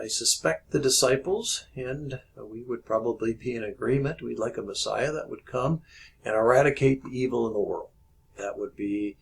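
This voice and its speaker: A man, a pastor, giving a relaxed video devotion, explaining as he goes with many ums and uhs. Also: on the low side, vocal fry, breathy edge, low-quality recording.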